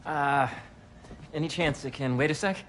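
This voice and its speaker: An actor playing a confident young man in a video game, casual and relaxed in his talk. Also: a little high, moderate pace, a little hiss or hum, natural voice. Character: easygoing, confident young male friend of the hero. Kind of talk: video game dramatic acting.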